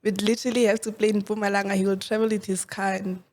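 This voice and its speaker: Young South African woman interviewee, mellow flat delivery, shy and hesitant. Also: mid-range voice, fast. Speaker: football player guest. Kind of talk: interview answers.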